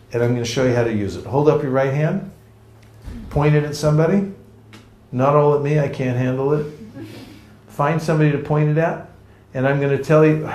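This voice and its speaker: A Californian man teaches a book distribution seminar to a live audience, playfully cracking jokes and acting out street encounters. His mid-range voice is a bit mellow, and the room echoes.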